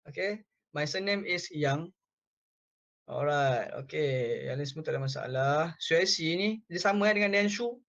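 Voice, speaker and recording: A young man teaching a relaxed language class, explaining phrase by phrase and repeating words slowly. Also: fairly high pitch, highs cut off. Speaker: Mandarin language tutor.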